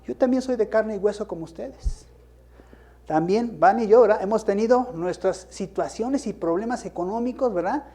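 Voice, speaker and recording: A man's voice: high voice, normal speed, dark tone. A male pastor gives a sermon. He asks rhetorical questions and rises into emphatic bursts.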